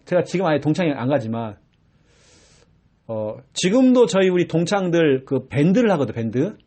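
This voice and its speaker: A man in his forties preaches to a church congregation. His voice is husky and sits fairly high, and it swings widely in pitch as he acts out pleading cries. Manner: animated preaching with acted-out shouts. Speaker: pastor. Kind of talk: sermon.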